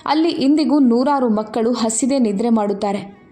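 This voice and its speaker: A woman voicing a solemn male judge who speaks in a grave, measured way. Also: fairly high pitch, mellow, faint music behind, close to an everyday voice. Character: grown man, a solemn judge.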